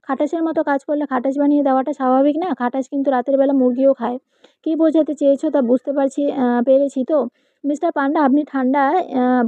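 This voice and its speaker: A woman narrates a romantic audio story, voicing every part herself and reading quickly with small slips. Her voice is high, and the recording sounds tinny and phone-like, dry with no room sound.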